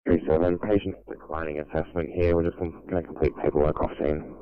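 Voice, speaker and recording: A man on an ambulance crew giving a halting, informal field report over two-way radio. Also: extremely low pitch, flat delivery. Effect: two-way radio transmission. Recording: muffled, band-limited two-way radio.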